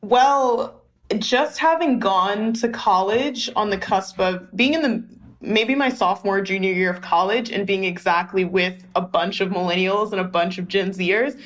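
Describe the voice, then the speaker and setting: A young American woman speaks as a podcast guest. Her talk is loose and chatty, at an ordinary mid-range pitch. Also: a little slow. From United States. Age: 20s. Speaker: guest, opinion writer. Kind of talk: casual interview talk.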